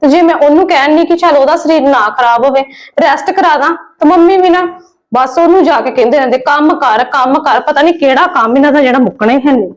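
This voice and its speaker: A protective elder sister-in-law in a family drama, played by a woman. She talks fast and high, firm and insistent. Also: close to an everyday voice.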